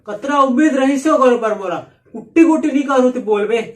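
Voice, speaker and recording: A man's voice: very high-pitched, a little fast. A man playing a furious Chhattisgarhi farmer father. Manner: loud, scolding, emotional. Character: angry farmer father of a teenage daughter. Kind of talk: amateur village short drama.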